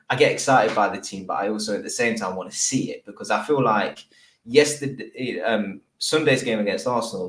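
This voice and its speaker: A man talking in a casual chat as a panelist, earnest and emphatic in his analysis. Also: on the low side. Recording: echoey room.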